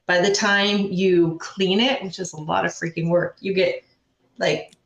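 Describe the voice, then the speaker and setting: A middle-aged woman with a hoarse, smoker-like rasp, chatting casually and candidly in a rambling, mildly salty way as a show host. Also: fairly low pitch, steady tone, a little slow, lo-fi sound. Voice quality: raspy like a chain smoker. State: hoarse from bronchitis. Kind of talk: casual chat. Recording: roomy, echoey sound.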